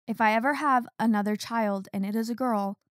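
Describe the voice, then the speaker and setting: A woman's voice: fairly high pitch, fairly quick, no echo, studio quality. A young adult woman co-hosting a podcast, chatting casually with lots of filler words. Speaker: podcast co-host. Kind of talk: casual chat.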